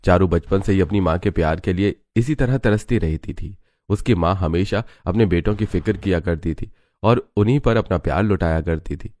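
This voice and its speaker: A man narrating a cartoon story in a steady, explanatory storytelling manner. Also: deep voice, moderate pace, no room sound, clean studio sound.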